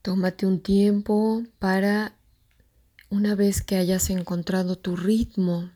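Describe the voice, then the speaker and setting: A woman guiding a breathing meditation, giving soft, calm instructions and counting breaths aloud. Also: medium pitch, takes it slowly. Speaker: meditation guide.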